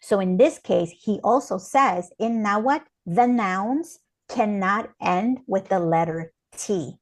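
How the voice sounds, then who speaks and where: A woman co-teaching a language class, explaining grammar rules step by step in a careful, measured way. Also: medium pitch. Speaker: interpreter and co-teacher.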